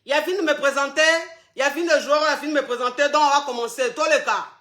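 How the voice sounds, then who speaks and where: A woman hosts a comedy phone-in as a self-styled coach, playful and theatrical, hammering her lines through repetition. Her voice sits high and bright, swinging widely in pitch. The room around her is echoey. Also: very fast. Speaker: comedy show host playing a coach.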